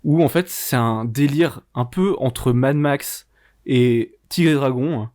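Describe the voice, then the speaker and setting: A man's voice: medium pitch, slow, a little mellow. Enthusiastic man recommending shows. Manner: enthusiastic, hesitant with fillers. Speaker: podcast co-host. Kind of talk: casual chat recommending shows.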